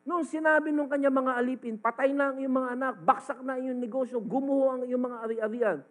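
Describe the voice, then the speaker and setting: High-voiced Filipino pastor preaching animatedly. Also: male voice, a little fast, poor audio. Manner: animated preaching, swinging between loud emphatic lines and quiet asides. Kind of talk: sermon.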